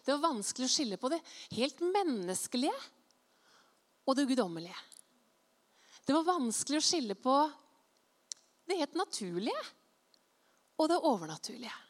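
Speaking in a large hall, a woman gives a sermon where she reads scripture, tells an anecdote and performs the quoted voices with lively energy. Her voice is high, and she leaves long pauses.

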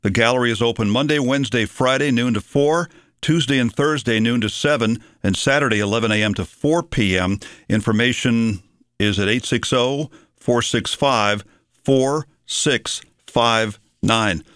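A man hosting a local radio interview, asking questions and reading event details in a measured way. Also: mid-range voice, fairly bright tone, no room sound, studio quality. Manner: measured, reads listings clearly. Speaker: radio host.

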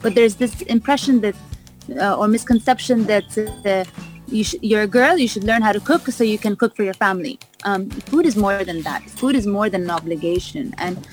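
A woman's voice: mid-range voice, normal speed, faint music behind. A woman raised in Canada answering radio interview questions about her cookbook, talking in an enthusiastic way with frequent "um"s and restarts. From raised in Vancouver, Canada. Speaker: cookbook author, interview guest.

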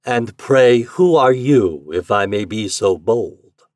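A man's voice: medium pitch, animated, takes it slowly, darkish tone, no echo, studio quality, voice pushed up. A man voicing a bold, sneering colonial man who talks back in a raised, indignant voice.

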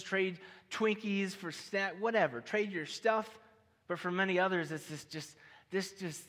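Male preacher, story-driven sermon with gentle humor, slightly high voice, long hall reverb. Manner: personal storytelling with light humor, addressing the audience.

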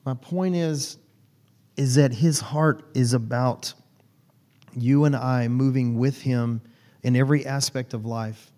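In a warm, medium-pitched voice with fairly even intonation and a slow pace, a pastor preaches conversationally. He chats with the congregation in a folksy manner, teasing people by name.

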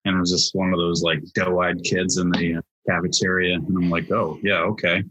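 Low-voiced, forceful man from New Hampshire, forties; chatty, filler-heavy interview guest. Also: flat delivery, a little fast, dull audio. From New Hampshire, USA. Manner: rambling, many fillers and restarts. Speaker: guest, Army veteran. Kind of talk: casual interview chat.

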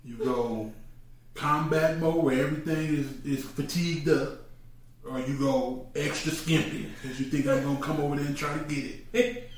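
A man's voice: fairly high pitch, steady tone, normal speed. Laid-back joking man, echoey room. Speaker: podcast co-host. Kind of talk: casual couple's chat. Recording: echoey room, mic at a distance.

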